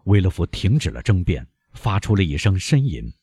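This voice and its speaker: Deep, husky male narrator. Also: sing-song, normal speed, warm tone, dry recording, clean studio sound. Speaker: audiobook narrator. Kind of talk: scripted novel narration.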